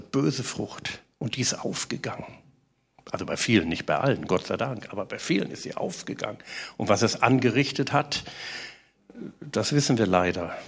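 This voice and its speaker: Gravelly man preaching a sermon. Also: medium pitch. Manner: animated preaching with rhetorical questions to the congregation.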